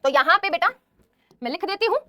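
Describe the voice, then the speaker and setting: A woman's voice: extremely high pitch, animated, fairly quick, pushed and bright, no echo. A young woman teaching a biology lesson, calling students "beta" and asking and answering her own questions, slipping English terms into her explanations. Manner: mixes English terms into speech.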